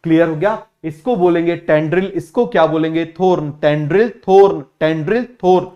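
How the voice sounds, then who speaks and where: A male teacher giving an online biology lesson in Hindi-English mix, repeating key terms and urging students to answer quickly. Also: a little high, dull audio. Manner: repetitive, keeps asking students to answer quickly; drills terms by repeating them slowly.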